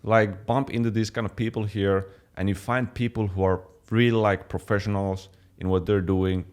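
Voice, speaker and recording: A young man from Finland chatting casually as a fitness channel co-host, relaxed, with many fillers and restarts. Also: lowish voice, normal speed. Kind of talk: casual chat.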